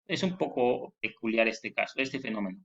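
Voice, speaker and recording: A man's voice: medium pitch, expressive, normal speed, vocal fry, a bit bright. A male teacher giving a recorded lecture, explaining step by step with frequent fillers and restarts. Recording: dull lo-fi recording.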